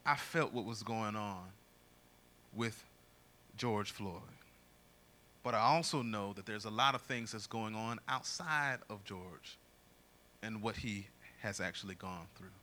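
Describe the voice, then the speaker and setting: Bright-voiced preaching man. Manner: booming, drawn-out when reading scripture, dropping low for asides. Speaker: pastor. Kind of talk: sermon.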